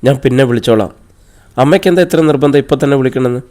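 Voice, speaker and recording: A man's voice: medium pitch, racing, a little mellow, lightly acted. A man reading the part of a sulky young man who answers curtly and irritably. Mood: irritated. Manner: curt, irritated.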